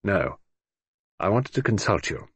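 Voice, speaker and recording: A man reading an audiobook, voicing a gruff, blustering old retired admiral who speaks in brusque, clipped grumbles. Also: sits low, sing-song, a little slow, dry recording, full character voice.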